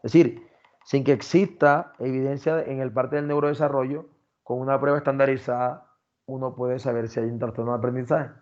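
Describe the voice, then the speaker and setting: A man's voice: mid-range voice, steady tone, brisk, a little mellow. Man lecturing a class, lo-fi. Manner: explains criteria step by step, addresses students directly. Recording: dull lo-fi sound.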